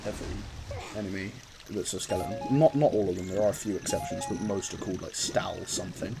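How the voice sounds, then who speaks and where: Rambly guy streaming a game, low gravelly voice, music playing under it. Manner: rambling, chatty, self-interrupting. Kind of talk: casual gameplay commentary.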